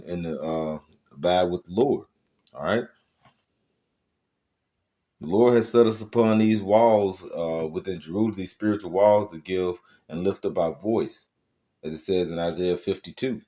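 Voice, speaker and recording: A man's voice: low voice, warm tone. A man preaching a sermon, reading scripture and stressing points with frequent "all right" and many filler sounds.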